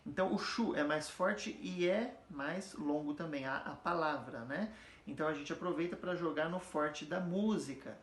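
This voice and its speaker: A man teaching music theory in an easygoing, conversational way. He stops often to ask whether his listeners are following along. The room around him gives his voice a noticeable echo. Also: fairly high pitch. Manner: explains patiently, checks understanding with frequent tag questions; sings or chants example words slowly to demonstrate stress. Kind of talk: casual explanatory lesson. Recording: echoey room.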